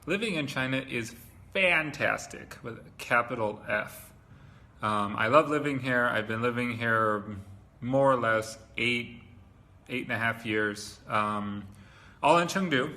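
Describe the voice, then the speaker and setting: A man's voice: medium pitch, a little slow, pushed and bright. A man from the USA, speaking about his life abroad in an upbeat way, with frequent "um". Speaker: expat interviewee. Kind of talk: casual talk to camera.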